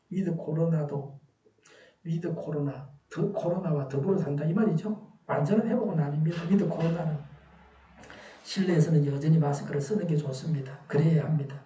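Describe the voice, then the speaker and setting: A man's voice: a little high, dark tone, a little hiss or hum. A man preaching a sermon as a pastor, speaking through a face mask that muffles his words. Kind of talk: sermon with scripture exposition. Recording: dull, echoey, distant church recording.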